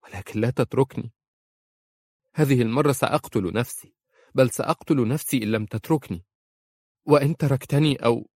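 A man with a low voice reading an audiobook and voicing a distraught young woman who pleads through her tears. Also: moderate pace, darkish tone, dry recording, studio quality. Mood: desperate. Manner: pleading, trembling. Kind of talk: audiobook character voice.

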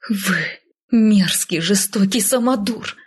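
A woman's voice: mid-range voice, fairly even intonation, normal speed, darkish tone, husky. A woman voicing a humiliated young captive princess who hisses and snaps her lines through clenched teeth. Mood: hissing furious.

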